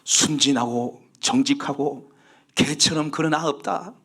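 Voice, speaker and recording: A man's voice: a little high, unhurried, bright, forceful tone, husky, heavily acted. A man voicing God as a proud male figure who boasts about his servant in blunt, familiar speech. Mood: boasting.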